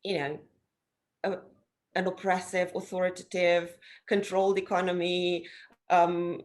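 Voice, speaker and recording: Measured woman in her forties, from Romania. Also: on the low side, little pitch movement. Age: 40s. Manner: hesitant, many fillers and restarts. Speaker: interview guest, social investor. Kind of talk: thoughtful conversational interview.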